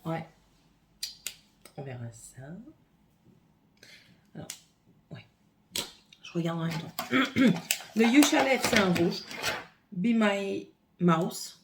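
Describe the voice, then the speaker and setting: A woman's voice: medium pitch, very animated, very slow, long pauses, very noisy. Chatty woman unboxing makeup at home. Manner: chatty, thinks aloud while unboxing. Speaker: beauty vlogger. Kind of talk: casual makeup haul with swatches. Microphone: phone camera.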